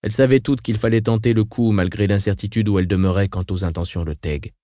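A man reading a novel aloud, measured and even. His voice is dark and mellow, recorded close and dry with no room sound. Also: lowish voice, no echo. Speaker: audiobook narrator. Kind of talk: scripted narration.

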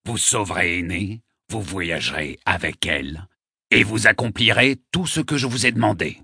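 A man voicing an ancient, frail, cantankerous poet with a raspy voice and solemn, sardonic speech in an audiobook. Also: lowish voice, animated, normal speed, pushed and bright, no echo, clean studio sound, heavily acted.

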